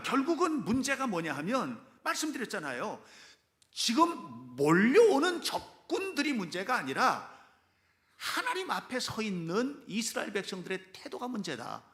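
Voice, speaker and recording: Male pastor, sermon; high pitch, swings wildly in intonation, acts out prayers dramatically. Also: fairly bright tone. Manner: emphatic, acts out quoted prayers.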